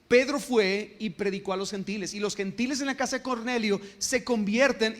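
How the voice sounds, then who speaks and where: A man's voice: sits high, long reverb tail. A male pastor preaching a sermon, often stopping to ask his congregation questions. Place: church sanctuary.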